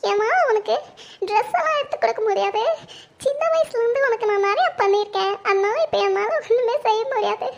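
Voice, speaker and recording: A woman's voice: extremely high pitch, brisk, creaky. A woman playing a young wife who pleads tearfully with her husband about her mother-in-law. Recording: dull lo-fi recording.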